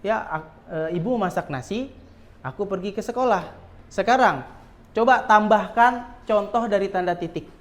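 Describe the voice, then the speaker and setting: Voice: mid-range voice, normal speed. Teacher quizzing a class of children. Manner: quizzes pupils often, with frequent tag "ya". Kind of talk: classroom lesson.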